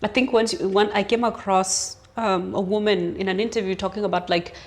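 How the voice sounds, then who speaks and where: A woman co-hosting a podcast, telling stories in animated casual chat with frequent "like" fillers. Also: medium pitch, fairly quick. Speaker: podcast co-host.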